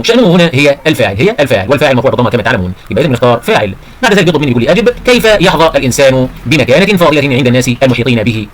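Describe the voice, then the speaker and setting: Male teacher, rapid delivery, talks pupils through grammar step by step. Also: mid-range voice. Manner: addresses pupils as "my sons and daughters", explains step by step. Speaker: Arabic teacher. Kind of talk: recorded grammar lesson for children.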